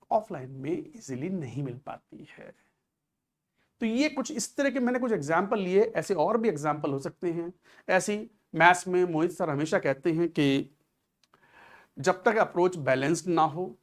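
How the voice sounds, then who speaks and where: A male chemistry teacher talking earnestly to exam students, giving coaching advice and slipping English phrases into his Hindi. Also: high-pitched.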